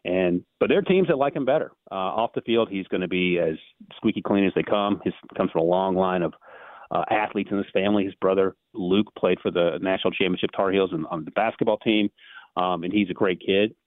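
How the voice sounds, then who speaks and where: A man calling in as a draft analyst on a sports radio show, talking fast and rambling, often repeating words as he restarts sentences. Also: low voice, no room sound. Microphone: phone call. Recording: tinny phone line.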